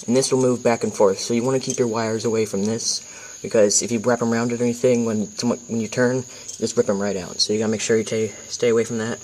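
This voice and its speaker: A video tutorial host, an American man, gives a relaxed how-to demonstration, informal and halting as he thinks out loud. His medium-pitched voice is flat and slightly mellow, recorded on an amateur camera with noise and clicks.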